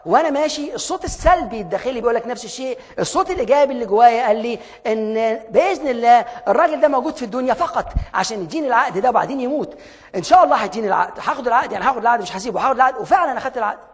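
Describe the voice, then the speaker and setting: Fast, high-pitched Egyptian motivational speaker. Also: male voice. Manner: energetic, emphatic storytelling. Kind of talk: motivational lecture. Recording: long hall reverb.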